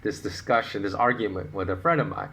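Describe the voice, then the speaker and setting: A middle-aged man hosting a solo podcast, explaining his views in an animated, opinionated way with rhetorical questions. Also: lowish voice, a little fast, vocal fry, a little hiss or hum. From United States. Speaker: podcast host.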